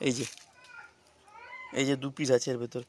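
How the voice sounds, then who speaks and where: A man talking casually in a family home vlog, chatty and often laughing, coaxing a small child gently. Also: mid-range voice, level tone, normal speed, slight background noise. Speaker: family vlogger. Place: at home, indoors.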